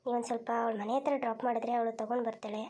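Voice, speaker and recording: A woman plays a polite young college girl in a cartoon comedy, asking for help in a soft, courteous way. The voice is high and gentle. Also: flat delivery, racing, natural voice. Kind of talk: cartoon voice acting.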